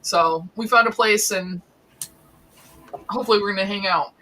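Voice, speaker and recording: A woman's voice: mid-range voice, normal speed, sharp tone, rough recording. A woman hosting a casual live stream, chatting and laughing often with guests. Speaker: host.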